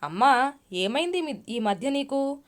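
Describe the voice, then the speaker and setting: A woman's voice: sits high, animated, unhurried, voice pushed up. Storybook role: caring grown daughter, earnest and pleading, read by a woman narrator. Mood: upset.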